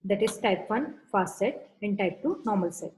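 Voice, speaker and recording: A woman's voice: mid-range voice, lively intonation, normal speed, a little mellow, a little hiss or hum, low-quality recording. A woman lecturing on dental materials, going through classifications step by step in a methodical, instructional way. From India.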